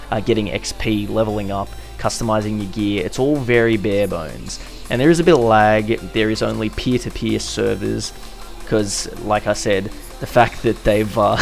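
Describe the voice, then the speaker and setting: A young Australian man with a lowish voice and some vocal fry chats casually in his Australian accent. He's a gaming YouTuber narrating over gameplay, correcting himself now and then with little laughs.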